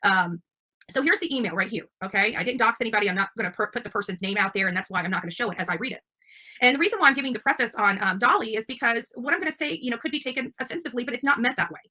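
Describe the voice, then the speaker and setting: Speaking rapid-fire in a slightly high, expressive voice, a woman hosting a livestream channel delivers a casual monologue to her audience. Her tone is bright and forceful. She rambles, stresses her points emphatically and sounds defensive.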